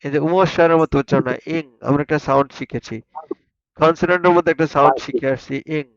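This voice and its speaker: Man, pronunciation teacher, slow syllable drills, slightly high voice, dry dull call audio. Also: no room sound. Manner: drills sounds slowly syllable by syllable, asks students to repeat. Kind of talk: online spoken English class. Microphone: online video call.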